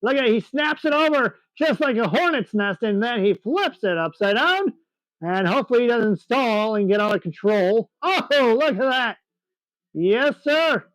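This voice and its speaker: A man giving excitable, chatty live commentary on an air show, laughing often. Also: very high voice, moderate pace, no echo, low-quality recording.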